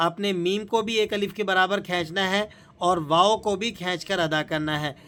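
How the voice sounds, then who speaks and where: A man teaching Quran recitation rules, reciting verses slowly and drawn out, then explaining in calm plain speech. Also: high-pitched, clean tone. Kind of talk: Tajweed lesson with slow recitation.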